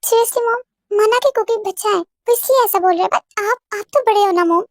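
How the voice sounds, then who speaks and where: An impatient young man, as a woman puts him on snaps in a sharp, exasperated way. The voice is extremely high, and the sound is close and dry. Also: normal speed, dry recording. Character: young man, impatient protective twin brother.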